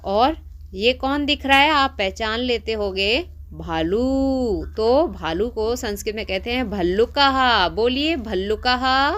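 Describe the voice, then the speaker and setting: A woman teaches young pupils a language lesson and coaxes them to say each word back after her. Her voice is bright and fairly high. She speaks slowly and deliberately. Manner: coaxing, asks pupils to repeat after her. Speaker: Sanskrit teacher. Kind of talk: classroom lesson for schoolchildren.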